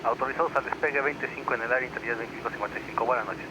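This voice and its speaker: A man's voice: mid-range voice, racing. A man, an airline pilot heard over the cockpit radio, reading back instructions in clipped, formulaic phrasing. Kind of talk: rapid radio readback. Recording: distant radio voice in loud cockpit noise.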